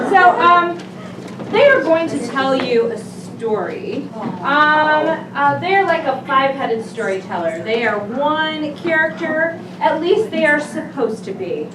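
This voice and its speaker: A woman hosting a live improv show, chatty and laughing as she coaxes suggestions from the audience. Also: sits high. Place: small theater stage. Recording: far, echoey room with crowd noise.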